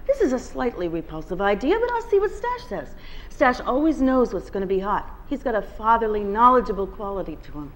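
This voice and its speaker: A woman gives an expressive reading of a first-person novel to an audience at a bookstore, where she is the guest reader. Her fairly high voice is sing-song, and she reads a little fast.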